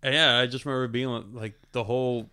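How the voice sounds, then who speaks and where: Man, 30s, smooth clear voice, easygoing podcast storyteller. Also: mid-range voice, steady tone, brisk, pushed and bright. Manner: laid-back, storytelling with lots of fillers. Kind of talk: casual storytelling in a podcast chat.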